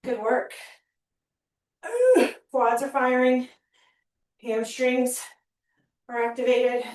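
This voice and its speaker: A woman's voice: fairly high pitch, completely flat delivery, takes it slowly, darkish tone. A woman fitness trainer leading a home workout class, counting reps and giving upbeat cues while she gets out of breath. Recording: very echoey room, mic at a distance.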